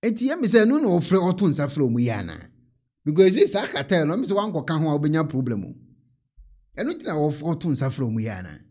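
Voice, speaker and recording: A man in his thirties with a Ghanaian accent comments casually from a small indoor studio into a mic on a stand. His voice sits a little high, and he laughs often and switches between languages. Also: fast talker, husky. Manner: laughing, animated, mixes in English. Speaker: reaction host.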